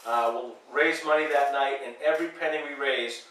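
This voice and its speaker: A man hosting a local radio talk show, speaking haltingly with many fillers. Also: medium pitch, pushed and bright. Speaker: radio host. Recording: echoey room from far off, faint noise.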